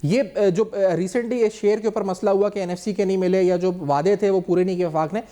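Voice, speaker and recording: A man's voice: high voice, steady tone, mellow. A man hosting a talk show, asking long, layered questions with fillers. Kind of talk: studio talk show interviewing.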